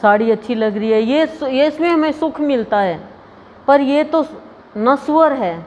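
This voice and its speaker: A woman preacher gives a homely devotional talk, chatty and quick to laugh at her own anecdotes. Her voice sits a little high. It carries a long hall reverb over faint ambient noise. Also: expressive, darkish tone. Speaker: spiritual preacher.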